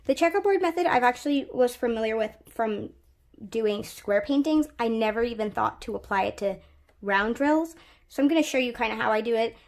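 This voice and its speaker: A woman with a slightly high voice talks through a craft tutorial while her hands stay busy. She chats loosely, thinking aloud, with plenty of fillers and restarts. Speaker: craft channel host. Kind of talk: casual craft tutorial talk.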